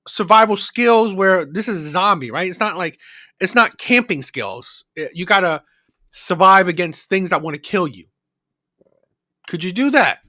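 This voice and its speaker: His high voice is bright and forceful. He is a Filipino host of a livestream call-in show, talking to live viewers in a casual, unscripted way, rambling and repetitive, frequently tacking "right?" onto his sentences. The audio is studio quality with no echo.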